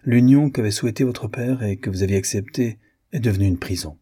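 A man's voice: fairly low pitch, a little fast, warm tone, husky. A man reading a stern, remorseful husband. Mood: grave remorse. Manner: firm, cold, sorrowful confession. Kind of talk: audiobook reading.

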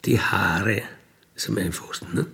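With a low, creaky voice that is bright and forceful, an unhurried fifty-one-year-old man with an Austrian accent recounts his life as a career criminal. He tells it unscripted, colloquially and matter-of-factly, regularly tagging his statements with a question.

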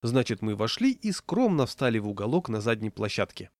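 A man's voice: medium pitch, big pitch swings, fairly quick, darkish tone, no echo. Wry male story narrator, dry close sound. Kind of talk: humorous story reading.

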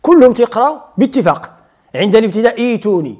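Moroccan sheikh giving a recitation lesson, fairly high voice, explains step by step and throws questions at the class. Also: male voice, lively intonation, normal speed, darkish tone. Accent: Moroccan Arabic. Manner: explains step by step, asks students rhetorical questions, recites verses in between. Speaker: Quran recitation teacher. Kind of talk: lecture on recitation rules.

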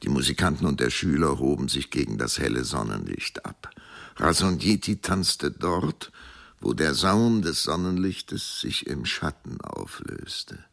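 Deep, gravelly male radio narrator. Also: lively intonation, a little slow, a bit bright. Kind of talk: scripted radio drama narration.

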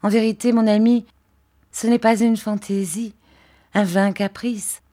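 A woman voicing a frail, childlike young wife who speaks softly, eagerly and with great affection. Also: mid-range voice, flat delivery, unhurried, voice pushed up, natural voice. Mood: tender. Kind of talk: audiobook character voice.

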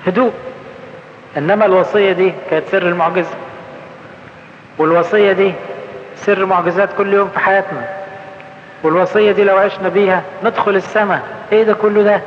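A high-voiced man with an Egyptian accent delivers a colloquial sermon, putting questions to his listeners and then answering them. He slows down for the scripture quotations. The sound is a little dull and rings through a large reverberant hall. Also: steady tone, slight background noise. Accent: Egyptian Arabic. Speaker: priest. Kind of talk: conference sermon.

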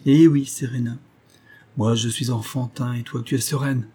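A man's voice: medium pitch, fairly even intonation, moderate pace, dark tone, close to an everyday voice. A man voicing Brugh, a vain, sarcastic man who taunts his lover. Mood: mocking.

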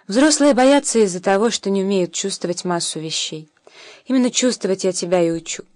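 Brief: tender, philosophical mother in an audiobook, measured and soft, voiced by the woman narrator. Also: mid-range voice, dry recording, clean studio sound, close to an everyday voice. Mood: gentle, reflective. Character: tender, philosophical young mother teaching her son.

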